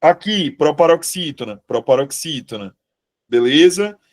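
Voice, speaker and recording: He teaches a live review class for an exam in a slightly high, expressive, unhurried voice with a Brazilian Portuguese accent. He's chatty, checks in with his students, and corrects himself as he talks.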